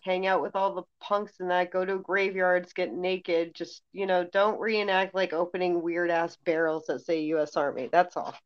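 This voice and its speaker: A woman's voice: lowish voice, fairly even intonation, moderate pace, hardly any pauses. A woman co-hosting a horror movie podcast, casual and sarcastic, teasing her co-host and swearing freely. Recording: dull lo-fi sound.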